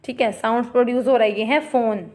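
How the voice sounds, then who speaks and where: A woman giving a classroom lecture, explaining terms in Hindi-Urdu and reading definitions slowly, addressing students as "beta". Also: on the high side, steady tone, darkish tone.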